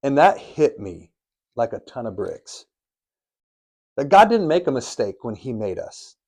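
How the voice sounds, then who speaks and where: A man's voice: medium pitch, very animated, a little slow, a little mellow, husky. A middle-aged man co-hosting a faith podcast, telling stories in an earnest, preachy way. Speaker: podcast co-host. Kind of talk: faith-based podcast chat. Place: studio in Arizona.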